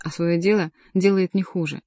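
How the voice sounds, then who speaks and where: A woman's voice: fairly low pitch, steady tone, moderate pace, warm tone, no echo, lightly acted. A woman reading the part of a sarcastic, scolding male court jester in an audiobook. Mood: mocking. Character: mocking sharp-tongued male court jester.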